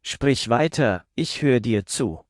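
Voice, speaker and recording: A man slowly repeating short German phrases several times over, as a language drill. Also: mid-range voice, lively intonation, no room sound, studio quality. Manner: slow, clearly spaced repetition of each phrase.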